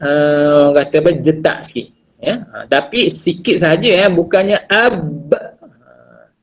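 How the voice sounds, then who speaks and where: A man with a Malaysian Malay accent teaches over a video call, his voice husky and somewhat breathy. He is patient and drawn out, sounding each letter slowly and repeating it for the class. The audio is dull and lo-fi, as from an online meeting. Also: on the high side, expressive. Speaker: Quran recitation teacher.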